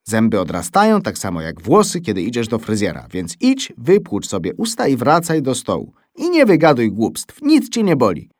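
A man's voice: mid-range voice, huge pitch swings, moderate pace, few pauses, darkish tone, dry recording, studio quality. A man voicing a jolly father who lectures his son in a storybook reading. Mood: teasing. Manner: firm, lecturing.

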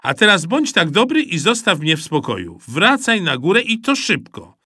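A man's voice: on the low side, big pitch swings, a little slow, no room sound, clean studio sound, exaggerated voice. A man voicing an impatient, flustered mother who scolds her son. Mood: exasperated. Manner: sharp, scolding.

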